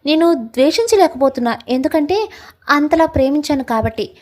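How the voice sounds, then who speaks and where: A woman's voice: high-pitched, lively intonation, moderate pace, a little mellow, low-quality recording. A woman voicing a heartbroken young man who pleads tearfully and reproachfully with the woman he loves, in a spoken love story. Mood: heartbroken pleading.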